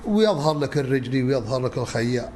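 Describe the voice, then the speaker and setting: A man's voice: medium pitch, animated, fast, darkish tone. Man reciting Nabati poetry, noisy recording. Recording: clearly noisy background ambience.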